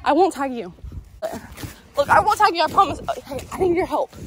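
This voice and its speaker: Teen girl vlogger, high bouncy voice, noisy phone audio. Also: moderate pace, a bit bright. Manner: bubbly, giggly, talks to viewers. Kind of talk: casual vlog chat. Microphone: handheld phone camera.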